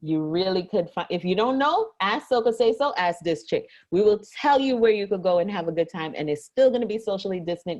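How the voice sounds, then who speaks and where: A woman's voice: mid-range voice, a little mellow. A woman co-host in a casual ranting chat, speaking emphatically and repeating phrases to drive her point home. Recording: dull lo-fi audio.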